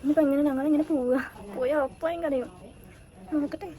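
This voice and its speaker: A woman's voice: high-pitched, steady tone, fast talker, warm tone. A woman vlogging her family day, talking to her small son in a coaxing sing-song way. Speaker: vlogger and mother. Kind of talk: casual family vlog talk.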